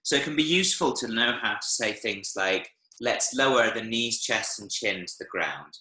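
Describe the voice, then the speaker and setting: A man teaching a one-to-one lesson over a video call, his voice bright and lively as it moves up and down. He patiently checks that his student keeps up, and the room around him rings with echo. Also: lowish voice, normal speed. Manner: patient, checks understanding often with "yeah?" and "right?". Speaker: Spanish teacher. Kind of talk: online one-to-one language lesson.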